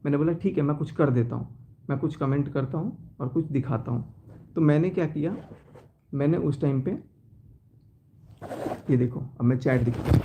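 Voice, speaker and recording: A man's voice: a little high, moderate pace, long pauses, background noise. A man on a phone live stream, reading out chat messages and telling his side with a sense of grievance. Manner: aggrieved, reads out chat messages. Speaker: YouTuber showing chats on a live stream.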